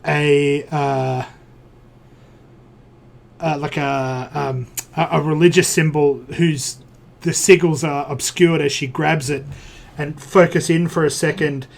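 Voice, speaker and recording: Slightly high-voiced male game master. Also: fairly even intonation, gravelly. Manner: halting, full of fillers while describing scenes. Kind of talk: narrating a tabletop game.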